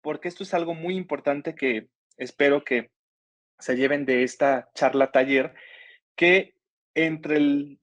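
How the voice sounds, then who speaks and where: A man's voice: on the high side, no room sound. A man teaching an online writing workshop, patiently explaining grammar step by step and asking his students questions. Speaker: workshop instructor.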